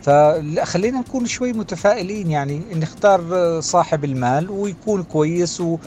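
A man's voice: high voice, expressive, fairly quick, warm tone. A man speaking casually in a voice message to a radio show. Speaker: listener sending a voice message. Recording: voice message with faint background noise.

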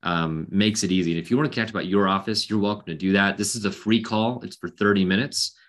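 A man's voice: fairly even intonation, fast talker, fairly bright tone. A man hosting a webinar as a coach, talking informally with many fillers over a video call. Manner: informal, filler-heavy pitch. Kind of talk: casual webinar talk.

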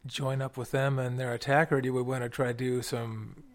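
A man's voice: mid-range voice, flat delivery, moderate pace. A man chatting casually as a player in a tabletop fantasy game.

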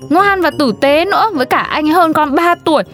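A woman's voice: high voice, a little fast, a bit bright, faint music behind. A woman playing a stubborn teenage schoolgirl who argues back at her mother in a comedy sketch. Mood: defiant. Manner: defiant, whiny arguing.

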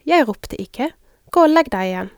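Gentle old priest, read by a woman. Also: fairly high pitch, expressive, no echo, clean studio sound. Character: old priest Eli, half blind, fatherly.

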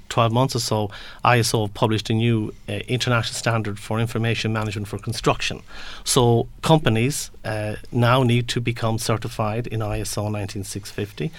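A man with a fairly low voice and a west of Ireland accent talks as a guest in an explanatory interview. His delivery is halting, with words and short phrases repeated as he works toward his point. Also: fairly bright tone. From Galway, west of Ireland. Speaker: interview guest, construction industry representative.

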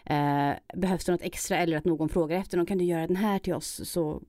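A woman impressionist and voice actor chatting in a casual interview, slipping into high put-on voices. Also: steady tone, dark tone, dry recording, studio quality.

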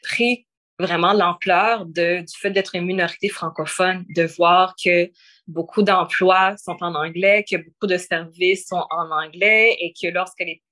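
A woman's voice: lowish voice, steady tone, measured pace, bright, forceful tone. A young woman in her twenties with a Québécois French accent, answering interview questions thoughtfully with frequent hesitations. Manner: thoughtful, frequent fillers and restarts. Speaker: interview guest.

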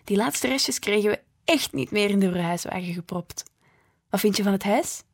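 A woman playing a patient, breathy mother. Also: medium pitch, normal speed. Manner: reassuring, practical, firm. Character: patient, weary mother calming her own mother.

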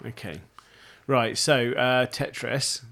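A man's voice: medium pitch, fairly even intonation, slow, gravelly, fairly bright tone. A young man co-hosting a gaming podcast, stumbling and restarting his sentences as he thinks aloud. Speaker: podcast co-host. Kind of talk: casual chat.

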